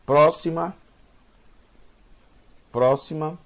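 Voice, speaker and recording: A man's voice: fairly high pitch, fairly even intonation, drawn-out words. A man giving a beginner's language lesson, patiently sounding out words and repeating them for learners. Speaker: teacher. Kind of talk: slow spoken language lesson.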